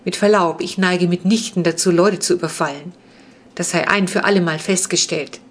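In this audiobook reading, a woman with a medium-pitched voice reads a storybook at a normal speed, acting it out lightly. She voices a polite half-vampire boy of noble blood whose speech is formal, courtly, and old-fashioned.

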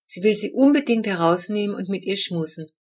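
Female narrator for a kids' audiobook, lively, clear delivery. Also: medium pitch, brisk. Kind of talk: scripted narration.

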